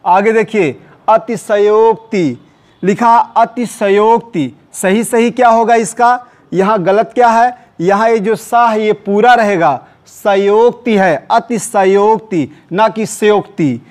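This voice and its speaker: Male teacher, high voice, unhurried, repeats each answer for emphasis, asks questions of the listener. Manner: recites short Urdu couplets between examples. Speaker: Hindi grammar teacher. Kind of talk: exam-prep spelling lesson.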